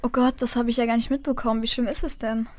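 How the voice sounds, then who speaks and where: A woman's voice: a little high, level tone, fast, a little mellow, dry recording, lightly acted. A woman playing a caring, protective mother of a schoolboy in an amateur audio drama. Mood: alarmed, demanding.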